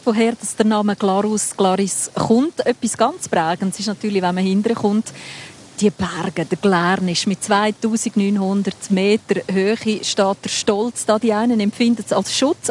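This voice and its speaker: Woman, Swiss German accent, radio host, outdoors, lively, guiding tone. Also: mid-range voice, a little hiss or hum. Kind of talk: live radio walk-and-talk. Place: outdoors in a town.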